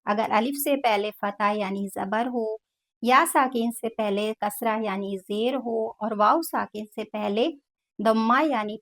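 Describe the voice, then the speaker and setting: A woman teaching Quran recitation who spells out each letter and then draws out each long vowel. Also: fairly high pitch. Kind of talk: slow step-by-step tajweed lesson.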